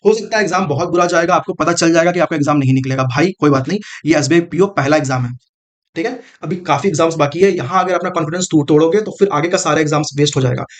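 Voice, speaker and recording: An exam prep mentor talks to camera in a racing, slightly high voice, coaching students on exam strategy. He's casual and direct, repeats his points, and calls the listener brother.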